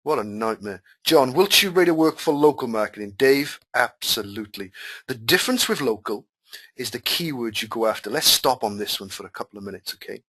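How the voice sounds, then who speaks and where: During a live webinar Q&A, a marketing coach whose first language is Welsh reads questions aloud and answers at length, chatty and repetitive, apparently on a computer mic during a call. His middle-range voice is expressive and fairly bright, with a breathy edge, and he talks a little fast.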